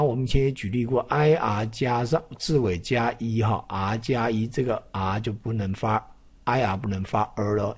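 Slow, patient male phonics teacher. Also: mid-range voice. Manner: slow, repeats words many times, spells out letters. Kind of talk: classroom-style phonics lesson.

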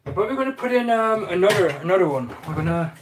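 Over a noisy background, a man with a high, expressive voice and a slight Irish accent talks quickly while cooking live in a small kitchen at home. He keeps saying "guys" and leans heavily on fillers.

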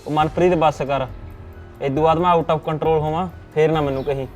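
A man's voice: a little high, steady tone, fairly quick, a little mellow, faint music behind, natural voice. A man playing a bullying, threatening husband. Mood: angry, threatening. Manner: blustering, threatening. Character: threatening, drinking husband who bullies his wife. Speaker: actor in a short film.

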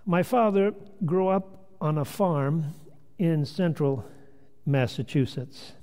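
A middle-aged male minister telling a family story in a gentle, measured sermon, recorded in a church sanctuary. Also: on the high side. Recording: long hall reverb, church sanctuary.

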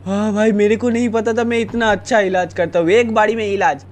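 A man's voice: steady tone, fairly quick. Playful Indian man streaming a game. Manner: playful, mock-scolding, jumps from low grumble to high yelps. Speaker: gaming streamer. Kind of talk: live gameplay commentary. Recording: noisy game stream with car sounds.

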